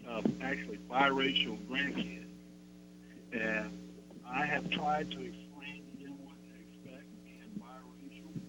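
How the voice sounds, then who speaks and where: A man in his sixties calling in to a radio show over the phone, telling his story slowly and reflectively, with pauses. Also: medium pitch. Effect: voice heard over the phone. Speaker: radio call-in caller. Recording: phone line with loud hum.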